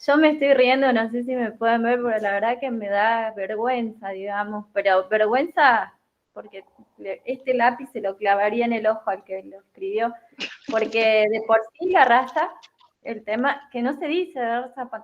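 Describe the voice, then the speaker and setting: A woman student with an Argentine accent speaks up in an online class discussion. She talks animatedly and keeps correcting herself mid-sentence. Her voice sits fairly high and sounds dull and lo-fi through the video call. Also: moderate pace. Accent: Argentine Spanish.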